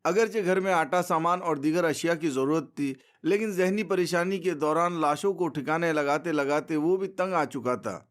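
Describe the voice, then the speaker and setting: Male narrator, formal measured literary reading, high voice. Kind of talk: literary short story narration.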